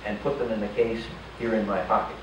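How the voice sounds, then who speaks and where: A man's voice: lowish voice, little pitch movement, brisk. An older man performing as a stage magician in a casino showroom, keeping up jokey, chatty banter with volunteers from the audience. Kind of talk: live magic show patter. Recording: echoey, distant, noisy live room.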